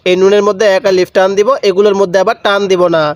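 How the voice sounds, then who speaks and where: A man teaching Quran reading, spelling each letter slowly with a Bangladeshi Bengali accent, stretching vowels in long drawn-out readings, and asking questions that he answers himself. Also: high voice, flat delivery, no room sound. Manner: asks the viewer questions and answers them himself. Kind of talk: step-by-step spelling lesson.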